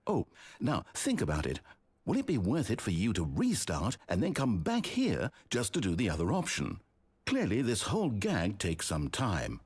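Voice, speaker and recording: A British man voicing a wry, teasing narrator in a video game, speaking directly to the player in a deep, sultry, mocking tone. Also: slightly rough, exaggerated voice.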